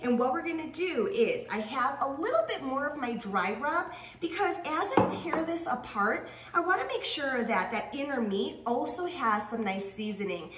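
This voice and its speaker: Female cooking host, effusive and chatty, a bit high-pitched, recorded off-mic with faint background noise. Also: animated, normal speed, hardly any pauses. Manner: gushing, exclamatory, laughs often. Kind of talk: cooking demonstration to camera. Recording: echoey room from a distance.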